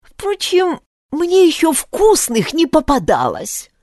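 A nasal, bossy creature that lurks out of sight, grumpy and ill-tempered, snapping commands, as a woman reading the story puts it on. High and jumpy in pitch, with a dry close sound. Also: huge pitch swings, slow, darkish tone, no room sound, heavily acted. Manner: nasal, bossy, barking orders. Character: unseen bossy shirt-eating creature with a nasty temper.

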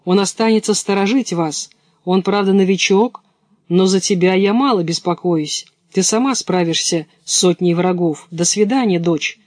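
A gruff robber chieftainess gives orders and takes leave of her daughter, as a man reading the play puts her on. The voice is raised and the sound is dry. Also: sits high, normal speed, no echo, close to an everyday voice. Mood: commanding. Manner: commanding.

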